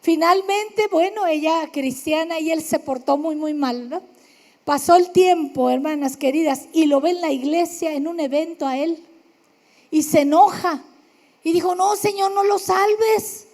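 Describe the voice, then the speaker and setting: Very high-voiced Mexican woman preaching. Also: normal speed, darkish tone. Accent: northern Mexican. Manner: emphatic, addresses listeners directly, acts out quoted voices. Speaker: pastor. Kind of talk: sermon.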